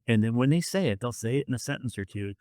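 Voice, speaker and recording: A man's voice: medium pitch, lively intonation, quick pace, a little mellow, no room sound. Earnest guy explaining stuff on a podcast, mid voice, dry close sound. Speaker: guest speaker, debriefer of fieldworkers. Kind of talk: conversational podcast interview.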